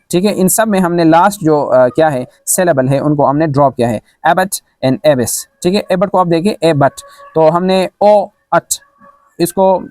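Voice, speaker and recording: A man's voice: on the high side, a little mellow, dry recording, clean studio sound. A man teaching English grammar, spelling words out letter by letter with many fillers. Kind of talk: explaining a grammar lesson.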